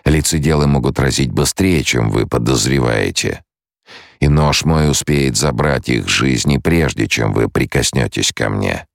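Audiobook villain: a scheming male shapeshifter, slow taunting bargainer, read by a man with a very deep, dry voice. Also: vocal fry, dry recording, exaggerated voice. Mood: menacing. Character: cunning male face dancer, scheming menace.

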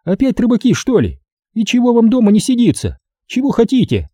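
A man's voice: extremely high pitch, huge pitch swings, a little fast, warm tone, no room sound, studio quality, voice pushed up, exaggerated voice. A man voicing a stout, wary rural woman who talks in folksy village speech, scolding and fussing. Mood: grumbling.

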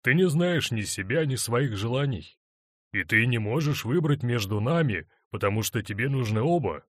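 A man's voice: medium pitch, animated, moderate pace, a bit bright, no room sound, studio quality. A man voicing a hurt middle-aged husband who speaks in a bitter, wry, controlled way.

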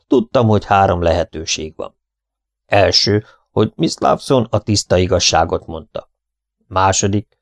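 A man voicing a fussy, precise older male detective who explains things methodically in an audiobook reading. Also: deep voice. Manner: measured, lecturing, methodical explanations.

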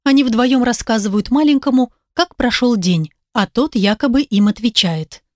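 Higher-pitched woman narrating an audiobook. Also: normal speed, dry recording, clean studio sound. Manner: lively, expressive storytelling with voiced dialogue. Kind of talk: first-person audiobook narration.

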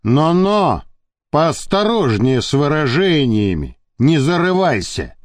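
A man's voice: fairly high pitch, very animated, takes it slowly, no echo. A man voicing a tough male gangster who speaks bluntly in street slang. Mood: offended.

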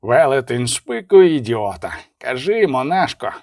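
A man voicing a cold, menacing male assassin in a rasping, slow, threatening tone, in an audiobook reading. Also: medium pitch, very animated, darkish tone, dry recording, studio quality.

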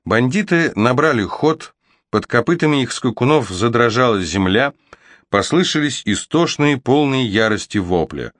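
A man narrating a fantasy novel as an audiobook, reading with steady, even storytelling. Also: mid-range voice, moderate pace, no room sound.

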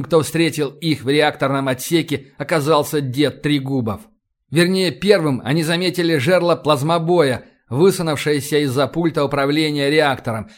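A man with a voice on the high side narrates an audiobook, reading from a script in a steady, measured way.

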